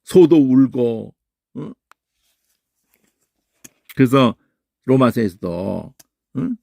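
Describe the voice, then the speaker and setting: A male Bible teacher lectures with a gravelly edge to his voice. He talks in an animated way and keeps checking in with quick "eh?" tags. The recording is dry and close, with no room sound. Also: mid-range voice, no room sound. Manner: animated, peppers talk with questioning "eh?" tags.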